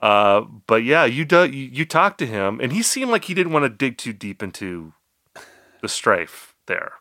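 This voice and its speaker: A man's voice: mid-range voice, very animated, moderate pace, pushed and bright, no echo, studio quality. A man co-hosting a music podcast, chatting casually and playfully with his co-host. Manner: chatty, playful, slips into put-on accents. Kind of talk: casual chat.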